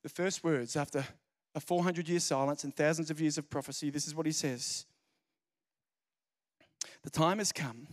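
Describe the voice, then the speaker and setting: A young man giving a lively, jokey evangelistic talk, telling stories and repeating key phrases. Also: on the high side, normal speed, long pauses. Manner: animated storyteller, jokey asides, repeats phrases. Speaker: speaker explaining Christianity.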